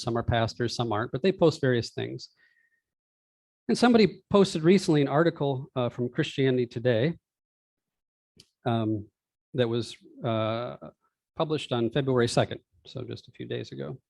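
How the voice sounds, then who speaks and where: A man speaks as a pastor giving a conversational sermon. His mid-to-low voice is recorded dry, with little room sound. He rants in a wry, exasperated way, moving between plain talk and reading aloud. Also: creaky, darkish tone, no echo. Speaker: pastor preaching. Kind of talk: sermon, conversational with read-out article.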